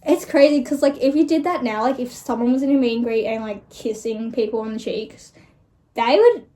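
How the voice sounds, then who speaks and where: A woman's voice: fairly high pitch, fairly even intonation, fairly quick, warm tone. A young Australian woman chatting casually and informally in amused disbelief, as an online creator reacting to things. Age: young adult. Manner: informal, slangy, conversational.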